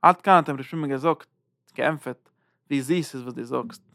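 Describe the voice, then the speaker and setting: A man teaching a Zohar lesson, halting and repeating words, swinging between loud and soft. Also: medium pitch, vocal fry, no echo, clean studio sound. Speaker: Torah teacher.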